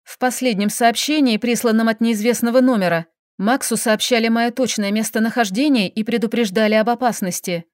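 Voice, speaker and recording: A woman reading a first-person story aloud as an audiobook, steady and measured. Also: a little high, no echo, studio quality. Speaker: audiobook narrator.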